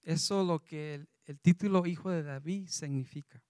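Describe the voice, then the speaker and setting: A man with a fairly high, mellow voice preaches a sermon in a loose, conversational way, reading scripture passages aloud between his remarks. The sound is dry and close. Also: moderate pace, no echo.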